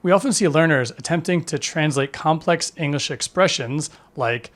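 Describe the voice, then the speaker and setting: A man narrates a scripted language lesson in an even, instructive way. His voice sits a touch above the usual male pitch, and each point is delivered steadily, like a prepared explainer. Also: normal speed. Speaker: language teacher.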